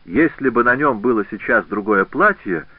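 A man's voice: medium pitch, animated, moderate pace, no echo, natural voice. A man reading an audiobook voicing a stern, officious provost. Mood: insistent. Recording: tinny phone-like band, dry.

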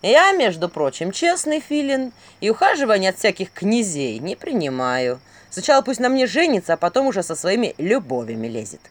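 A woman voicing a brash, sarcastic male owl who mocks loudly and hisses quick asides. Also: medium pitch, sing-song, natural voice. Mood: mocking. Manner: mocking, hissing asides.

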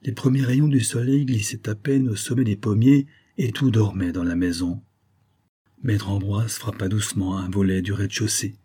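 A man reading a classic novel aloud as an audiobook narrator, in a steady, measured way. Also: fairly low pitch, slightly rough.

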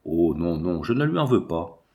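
A tender, effusive older lawyer mourning his dearest friend, lamenting with feeling, as a man reading aloud gives him voice. The voice sits a little low and speaks in impassioned outpourings. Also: big pitch swings, moderate pace, dark tone. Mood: grieving.

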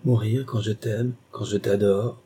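Male narrator doing a gentle lovestruck marquis, dark low voice, audiobook. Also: little pitch movement, a little slow, husky, full character voice. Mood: tender. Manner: soft, caressing. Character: tender aristocratic marquis in love.

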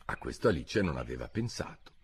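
Brief: playful male audiobook narrator, husky, widely varied delivery. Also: rumbling low, brisk. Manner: expressive, playful storytelling. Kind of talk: theatrical storybook narration.

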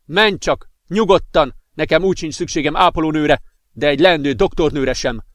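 A frantic young man with a raised, strained voice, pressing his point without pause, as a male audiobook reader puts him on. The sound is dry and close, with no room around it. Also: a little high, dry recording, lightly acted. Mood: furious. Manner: excited, insistent, increasingly furious. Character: agitated straw-haired young man, volatile.

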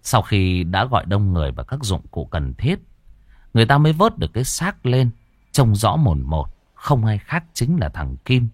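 Guy telling a spooky ghost story, lowish voice, very animated, dry close sound. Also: moderate pace, no echo.

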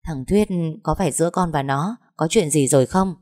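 A woman's voice: low-pitched, moderate pace, a little mellow, dry recording, studio quality. A woman voicing a worried older mother in a storybook reading, asking anxious, pressing questions.

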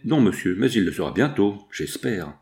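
A man's voice: fairly low pitch, very animated, moderate pace, a little mellow. A man reading the part of a pale, weakened young seamstress in a storybook, speaking plainly and respectfully. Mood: weary.

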